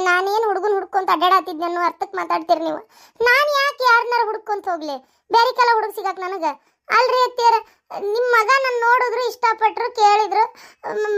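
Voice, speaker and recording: A woman's voice: extremely high pitch, bright, forceful tone. A woman voicing a young wife in a cartoon story, with a North Karnataka Kannada accent, pleading and protesting.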